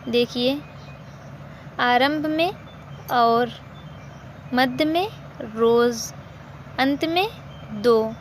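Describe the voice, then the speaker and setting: Slow, patient woman teaching a lesson. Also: a little high, slight background noise. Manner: slow, explanatory, repeats examples and asks rhetorical questions. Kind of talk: recorded language lesson.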